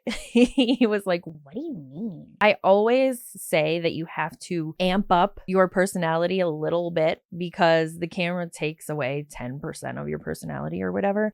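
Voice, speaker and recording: A woman's voice: lowish voice, gravelly, dry recording, clean studio sound. A woman hosting a reaction video, talking in a blunt, wry, sarcastic way and swearing casually. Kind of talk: sarcastic commentary.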